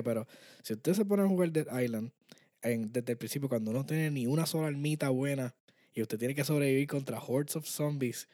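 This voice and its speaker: A man chatting casually on a podcast, low-key and hesitant, with many fillers. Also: darkish tone, no echo, studio quality. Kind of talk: casual chat.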